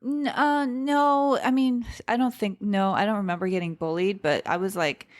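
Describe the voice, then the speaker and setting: This podcast guest is a stand-up comedian in her thirties whose first language is Persian; she was born in Iran and grew up in Seattle. Her mid-range voice stays steady at a normal speed while she chats and tells stories, restarting and using fillers.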